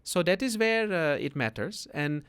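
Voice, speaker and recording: A man's voice: a little high, lively intonation, normal speed, fairly bright tone, clear, resonant tone. This is a man from the Netherlands with a slightly raised voice. He explains things in a patient, teacherly way, as a podcast guest. He often ends his points with a questioning "no?".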